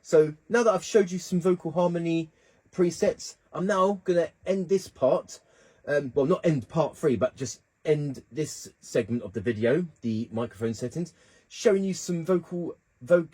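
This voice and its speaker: Husky, mellow-voiced man hosting a tutorial. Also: on the high side, normal speed. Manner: chatty, thinking aloud while working the keyboard. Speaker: keyboard tutorial host. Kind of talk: casual instructional demo.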